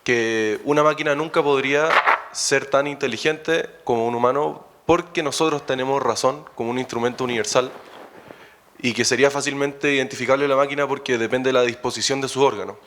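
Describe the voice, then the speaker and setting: A man's voice: medium pitch, steady tone, fairly quick, a bit bright, a little hiss or hum. A man in the audience asking a question, hesitant and with fillers.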